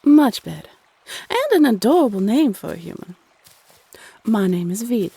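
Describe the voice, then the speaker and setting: Woman acting as a sassy, gravelly female Cupid. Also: a little high, big pitch swings, moderate pace, warm tone, no echo, full character voice. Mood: friendly, sassy. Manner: sassy, chatty, teasing, uses pet names. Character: playful, teasing female Cupid, bossy little love goddess. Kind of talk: scripted audio roleplay addressed to the listener.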